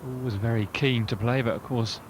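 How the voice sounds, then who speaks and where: A man's voice: medium pitch, steady tone, a little fast. A man giving conversational golf commentary as a co-commentator, with chatty, anecdotal asides. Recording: clear outdoor course noise behind voice.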